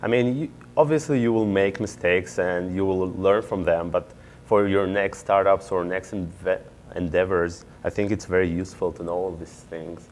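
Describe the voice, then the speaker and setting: Very deep-voiced man. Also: steady tone, moderate pace, darkish tone, slight background noise. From Israel. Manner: earnest, explanatory, with occasional fillers. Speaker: MBA student and startup founder. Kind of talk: answering interview questions.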